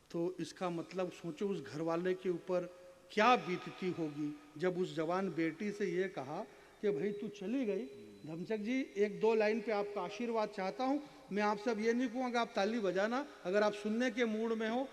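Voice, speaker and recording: A high-pitched man declaims verse to a live audience. His voice drops to a hush, then rises to a ringing call, and he breaks off to talk straight to the crowd. A long reverb hangs on every word. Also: measured pace. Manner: declamatory, swings from hushed to ringing; addresses the crowd directly, banters. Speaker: stage poet. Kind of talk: kavi sammelan poetry recitation. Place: live stage before an audience.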